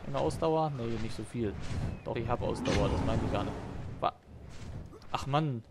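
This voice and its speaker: A let's play gamer gives exasperated commentary in a medium-pitched voice at a moderate pace, cursing at the game and calling out to the creatures on screen. The recording is very noisy, with game music playing loudly behind him.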